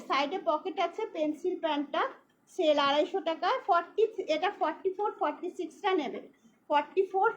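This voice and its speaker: A woman selling clothes on a live stream, briskly repeating prices and a phone number. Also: very high voice. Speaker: online clothing seller. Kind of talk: live-stream sales pitch. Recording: slightly dull, faint hiss.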